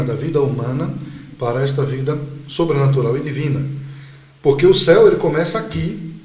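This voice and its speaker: Sermonizing Bahian priest, echoey room. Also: male voice, mid-range voice, dark tone. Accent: Bahian Portuguese. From Bahia, Brazil. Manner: measured, sermon-like explaining. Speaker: priest and interview guest. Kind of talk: interview answer, preaching tone.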